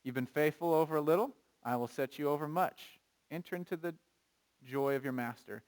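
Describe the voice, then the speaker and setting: A pastor preaching a sermon, conversational and animated, asking the congregation questions and reading scripture aloud. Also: male voice, fairly high pitch, a little fast, clear, resonant tone.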